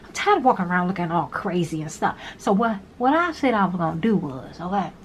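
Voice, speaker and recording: A woman's voice: fairly low pitch, lively intonation, a little fast. A woman chatting through a nail tutorial at home, talking straight to her viewers and rambling as she repeats herself. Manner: talkative, addresses viewers as "girl". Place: small home room with an overhead fan. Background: fan hum.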